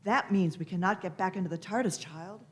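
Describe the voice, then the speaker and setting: Eccentric old female genius, acted by a woman, mid-pitched, imperious, fussy, theatrical, for radio drama. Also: brisk, natural voice. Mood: imperious, impatient. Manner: fussy, theatrical, repeats phrases. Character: imperious, eccentric elderly time-travelling genius, female Doctor. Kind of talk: live staged radio play.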